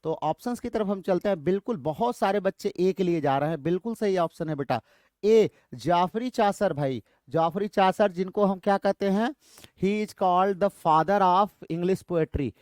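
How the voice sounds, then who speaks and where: A man teaching English literature to students, reading quiz options slowly and explaining briskly, calling them children. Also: on the high side, a little mellow, no echo, clean studio sound. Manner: addresses students as bachhon and beta, urges quick answers. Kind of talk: quiz lesson in Hindi mixed with English.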